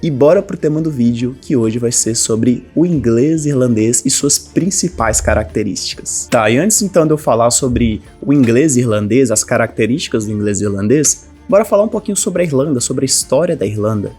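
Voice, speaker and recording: Brazilian male teacher, lively and direct to camera, slightly husky voice, faint music bed. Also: mid-range voice, brisk, hardly any pauses. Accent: Brazilian Portuguese. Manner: lively, addresses viewers directly as a group. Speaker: English teacher. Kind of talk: online language lesson.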